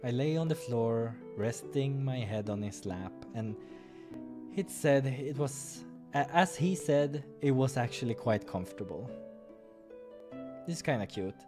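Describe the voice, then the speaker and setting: A man's voice: mid-range voice, expressive, unhurried, over music. A man hosting a game playthrough, reading story narration expressively with casual asides. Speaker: gaming playthrough host and reader.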